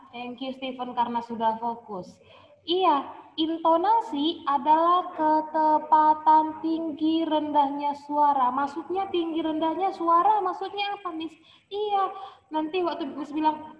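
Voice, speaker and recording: A woman teaching a class over a video call, speaking slowly and clearly, switching between Indonesian and English. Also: high-pitched. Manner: slow, clear, over-articulated teacher talk with frequent English prompts. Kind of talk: online class instruction, mixing Indonesian and English. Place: home room on a video call. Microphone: laptop mic on a video call. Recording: muffled echoey video call audio.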